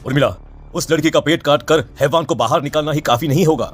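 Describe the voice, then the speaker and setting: A man's voice: a little high, fast, close to an everyday voice. A man playing a grave old village priest in a horror cartoon, solemn and emphatic as he gives warnings. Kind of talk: Hindi horror cartoon voice acting.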